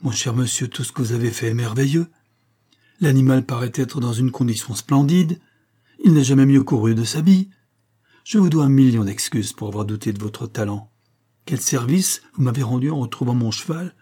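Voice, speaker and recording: A man reading aloud and voicing an excitable, agitated older colonel who owns a racehorse. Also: medium pitch, moderate pace, slightly rough, lightly acted. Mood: excited. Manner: excitable, exclaiming.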